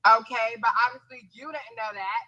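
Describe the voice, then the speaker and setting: A woman's voice: on the high side, normal speed, pushed and bright, lo-fi sound. A woman in her twenties, a caller who firmly stands her ground in an argument. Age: 20s. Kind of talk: heated on-air argument.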